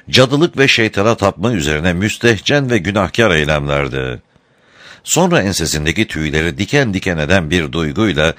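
A man narrating a novel as an audiobook, in a scripted, expressive storytelling manner. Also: sits low, no room sound.

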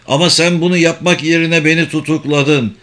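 A man's voice: a little high, fairly even intonation, moderate pace, fairly bright tone, voice pushed up, close to an everyday voice. A man voicing a cornered old general. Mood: pleading. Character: older male army general, proud and cornered.

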